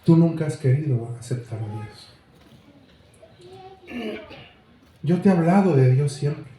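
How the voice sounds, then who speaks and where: A woman's voice: sits low, lively intonation, measured pace, warm tone, a little hiss or hum. A man voicing a patient, devoted wife, speaking tenderly. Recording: very echoey room.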